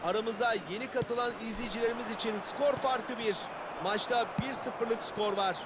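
A man's voice: extremely high pitch, steady tone, moderate pace. A man doing play-by-play football match commentary. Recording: loud stadium-like background noise.

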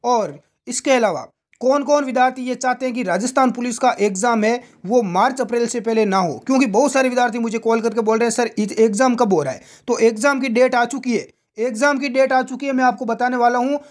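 A man's voice: extremely high pitch, fairly quick. A man hosting an informal exam news update as a coaching teacher, speaking directly to students and posing questions. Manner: direct address with rhetorical questions.

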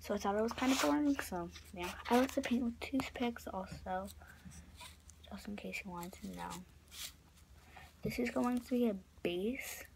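A young woman, a craft vlogger, talks through a casual craft tutorial in a raspy voice that often falls to a whisper, pitched a little high at normal speed. She rambles, corrects herself and leans on fillers. She sits close to a phone camera in a small bedroom, and this noisy home recording carries a clear hiss.

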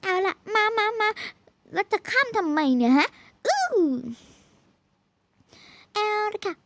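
A young woman with a very high, girlish voice chats her way through a multiplayer game. She sounds bubbly and polite, and her pitch leaps around constantly. The sound is close and dry, with no room around it. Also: very animated, slow pace, no room sound. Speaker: game streamer. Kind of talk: casual multiplayer game commentary.

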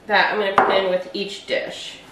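A woman in her forties gives a casual cooking demonstration in her home kitchen, chatting as she explains each step of her meal prep. Her medium-pitched voice is completely flat, at normal speed. A distant camera captures her in an echoey kitchen with heavy background noise.

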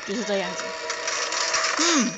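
A woman casually comments on a game she's playing, talking to herself and urging herself with urgent bursts of "hurry." Her medium-pitched voice is expressive and a little slow, set against loud background noise.

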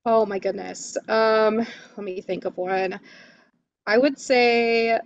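A woman's voice: medium pitch, fairly even intonation, slow pace, lo-fi sound. A woman career coach giving interview tips in a webinar, enthusiastic, with lots of "you know" and "um". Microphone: video call.

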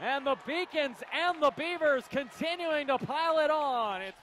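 A man giving excited play-by-play commentary on hockey, in clipped running phrases that build in excitement. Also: extremely high pitch, normal speed. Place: indoor ice hockey rink. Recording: noisy rink broadcast with ambience.

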